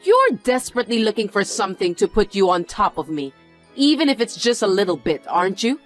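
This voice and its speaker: A woman's voice: medium pitch, big pitch swings, brisk, soft background music, lightly acted. A woman voicing a sneering rich snob. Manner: sneering, condescending. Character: snobbish rich woman, mocking and boastful. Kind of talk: dubbed drama dialogue.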